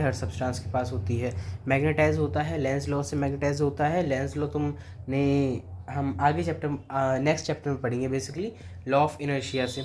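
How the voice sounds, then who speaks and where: A man's voice: medium pitch, darkish tone, a little hiss or hum. A man with an Indian accent, teaching a physics revision lecture step by step and talking to students familiarly. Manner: explains step by step, addresses students as beta and bhai.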